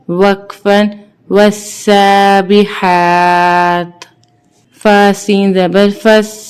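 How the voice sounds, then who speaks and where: A woman teaching Quran reading, spelling out each syllable slowly and adding quick spoken explanations. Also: medium pitch, clean tone. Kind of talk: slow spelled-out recitation lesson.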